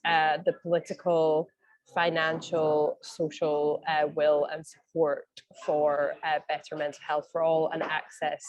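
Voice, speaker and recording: Speaking on a video call from a cafe, this senior advisor and guest speaker, a young woman from Scotland with a Scottish accent, presents in a chatty way with plenty of ums and restarts. Her voice is on the low side and darkish, and the recording is low quality.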